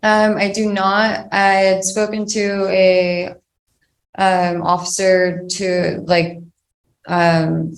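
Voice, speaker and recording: A woman answering a judge as a defendant, hesitant and halting, somewhat defensive. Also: mid-range voice, little pitch movement. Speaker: defendant in court. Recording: echoey courtroom.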